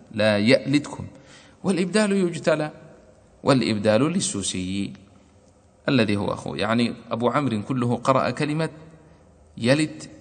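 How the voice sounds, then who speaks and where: Man teaching Quran readings in a hall. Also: medium pitch. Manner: explains at length, chants verses and quoted lines. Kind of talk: lesson explaining a recitation poem. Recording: long hall reverb.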